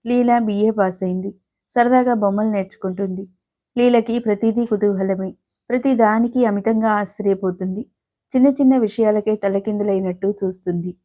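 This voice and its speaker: A woman narrating an audio novel in a steady, unhurried storytelling manner. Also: medium pitch.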